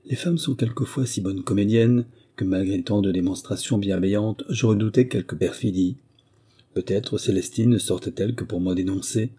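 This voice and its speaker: A man reading a first-person memoir aloud as an audiobook narrator, in steady, measured storytelling. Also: lowish voice, slightly rough.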